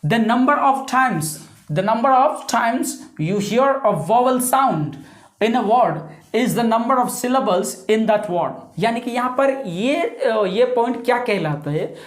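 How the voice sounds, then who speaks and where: A fairly high-voiced woman with an Indian accent teaches a grammar class at a blackboard. She speaks unhurriedly and patiently, repeats each point and keeps checking that her students are following. The room echoes around her. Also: expressive, extremely slow. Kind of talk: classroom lesson mixing Hindi and English.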